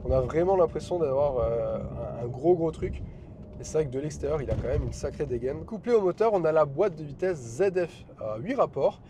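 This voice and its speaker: A man's voice: on the high side, animated, brisk, noisy background. A man presenting a chatty, enthusiastic car review, talking from the driver's seat and then beside the car.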